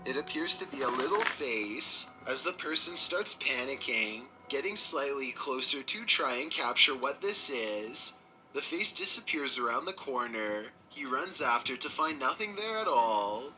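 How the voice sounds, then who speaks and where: A man giving scripted narration for a countdown video, in a steady, measured storytelling delivery. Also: mid-range voice, faint music behind, poor audio.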